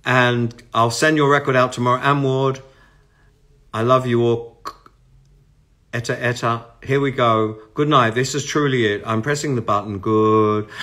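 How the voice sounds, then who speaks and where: A man's voice: medium pitch, fairly even intonation, a little slow. An Australian man in his sixties, a musician chatting casually to his livestream viewers from his home, rambling and affectionate, talking close into a phone. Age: 60s. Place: home room lit with party lights. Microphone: phone camera close up. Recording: guitar music heard loudly behind.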